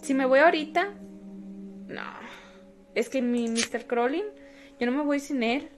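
A woman giving casual, animated commentary while playing a game and talking back to its characters. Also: high voice, unhurried, music in the background. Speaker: gaming streamer.

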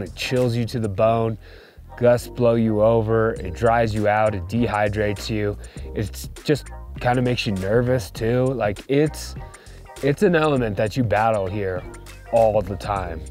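A man's voice: on the low side, unhurried, a little mellow, soft background music. A man hosting an outdoor vlog, narrating casually and with enthusiasm from a mountain campsite into a handheld camera mic. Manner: chatty, enthusiastic. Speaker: vlog host.

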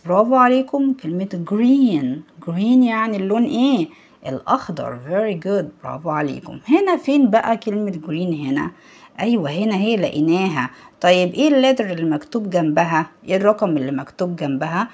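An Egyptian woman teaches English to young primary school pupils in a recorded lesson, speaking with an Egyptian Arabic accent. Her voice is lively, husky, and fairly low, and she asks the children questions and praises them.

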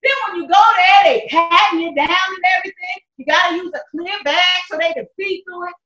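A woman's voice: very high voice, a little fast, sharp tone. A woman playing a bitter grown daughter about to marry, speaking in a scornful, emphatic way. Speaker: church skit actor. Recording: echoey, dull lo-fi sound.

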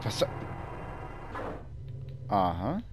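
A man's voice: on the low side, sing-song, drawn-out words, a little hiss or hum. A man casually commenting on a video game while he plays, thinking aloud and muttering to himself. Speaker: let's play host.

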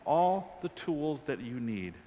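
A man in his forties preaching a sermon from a lectern in a large church sanctuary, with emphatic swings from loud to hushed. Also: sing-song, slow. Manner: emphatic preaching with wide swings of pitch and volume, gesturing. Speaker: pastor. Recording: long church reverb.

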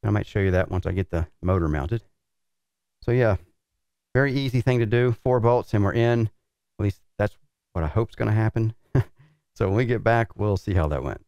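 A middle-aged man, the show's reviewer, calmly walking through assembling a racing cockpit in his workshop, talking practically as he works. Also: lowish voice, normal speed, pauses often, clear, resonant tone, no echo, highs cut off. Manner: relaxed, practical explaining while working with tools. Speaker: sim racing equipment reviewer. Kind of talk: hands-on product setup walkthrough. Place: large indoor workshop with concrete floor.

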